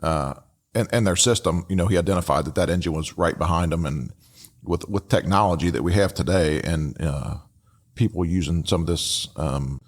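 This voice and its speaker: A man's voice: sits low, normal speed. A man giving casual, explanatory commentary as a host and instructor. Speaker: host and instructor reviewing radio traffic.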